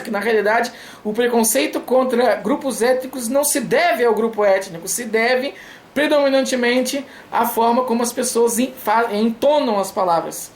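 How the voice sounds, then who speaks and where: A woman's voice: a little high, a little hiss or hum. A woman explaining ideas from her book in a video lecture. She halts and repeats words, and often checks in with the viewer. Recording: echoey room.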